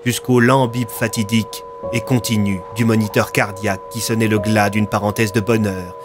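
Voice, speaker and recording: A man reading a dramatic audio story in a steady, expressive voice. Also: lowish voice, moderate pace, background noise. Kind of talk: scripted dramatic narration. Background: faint music.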